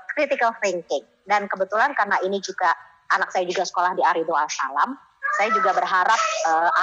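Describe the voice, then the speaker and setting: A woman's voice: medium pitch, fairly bright tone, lo-fi sound. A woman in the audience asking a question at a seminar, hesitant with fillers.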